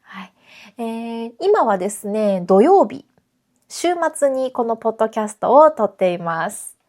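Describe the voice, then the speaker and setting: A woman teaching her language on a relaxed podcast, explaining points clearly and in a friendly way while glancing at her notes. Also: a little high, a little slow. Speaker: Japanese teacher. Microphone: camera framing, reading notes beside it.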